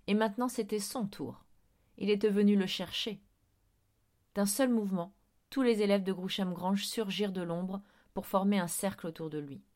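A woman reads a spooky story aloud at a steady, measured pace. She keeps her voice low-key and suspenseful. Her pitch sits in the middle range. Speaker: audiobook narrator. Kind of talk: storybook narration.

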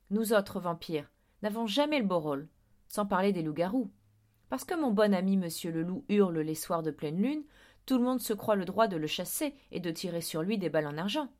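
A woman reading an audiobook and voicing a sinister, smooth-talking male vampire headmaster who coaxes and insists. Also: medium pitch, darkish tone, lightly acted. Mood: persuasive. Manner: coaxing, sly, growing insistent.

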